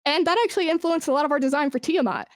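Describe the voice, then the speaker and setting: A woman who works as an esports brand manager chats casually as a podcast guest, throwing in slangy asides. Her voice sits high and she talks rapid-fire, recorded in clean studio sound with no echo.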